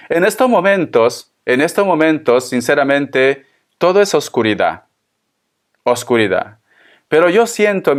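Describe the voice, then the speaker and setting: A man reading tarot cards aloud for viewers, taking his time over every phrase. He repeats himself often and speaks to the listener gently and reassuringly. His voice sits at an ordinary pitch for a man. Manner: slow, repetitive, consoling, addresses the listener tenderly. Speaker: tarot reader.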